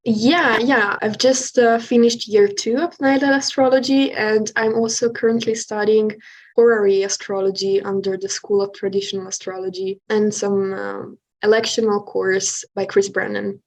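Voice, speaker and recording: A woman from Italian-speaking Switzerland co-hosts a casual podcast, explaining things earnestly with a few hesitations. Her mid-range voice keeps a level tone at normal speed, and the recording is rough.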